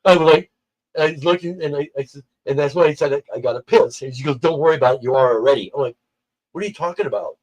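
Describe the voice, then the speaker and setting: Husky man telling a lively story. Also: a little high, fast talker, poor audio. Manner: animated storyteller acting out quoted people. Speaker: livestream guest. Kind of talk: casual storytelling on a livestream.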